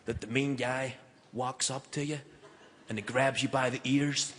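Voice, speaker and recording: A man's voice: medium pitch, fairly even intonation, a little slow, a bit bright, a little hiss or hum, close to an everyday voice. A man voicing a chatty, curious young American male shop assistant asking earnest questions, recorded live in a theatre hall.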